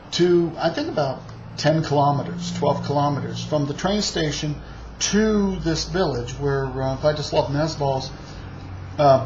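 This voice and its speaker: A storyteller from the United States tells a long, rambling travel anecdote in a casual way, full of fillers and side remarks. His voice is a little high with a darkish tone, on a dull lo-fi recording with faint hiss.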